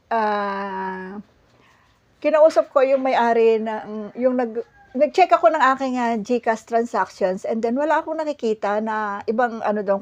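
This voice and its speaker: A middle-aged woman from the Philippines telling a personal story in a casual vlog. She talks in an animated way, often breaks into laughter, and restarts her sentences with many fillers. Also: a little high, lo-fi sound. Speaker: vlogger.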